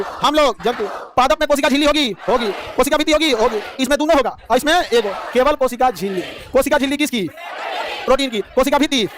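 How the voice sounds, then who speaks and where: Loud, fast, high-pitched male teacher. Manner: shouting questions and answering them himself. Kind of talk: rapid-fire classroom quizzing. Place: classroom with students. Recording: noisy crowded classroom.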